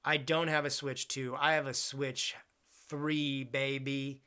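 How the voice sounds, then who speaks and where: Bright-voiced young man chatting on stream. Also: medium pitch, level tone, slow, smooth. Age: 20s. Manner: rambling, self-deprecating, jokey. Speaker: streamer reading chat. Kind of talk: casual live-stream chat.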